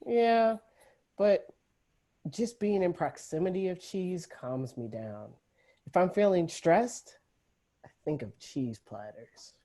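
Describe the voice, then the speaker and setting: A woman reading the part of a laid-back young man in an informal play read-through over a video call, with a dry, deadpan delivery. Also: lowish voice, slow, long pauses. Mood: intrigued. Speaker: play reader.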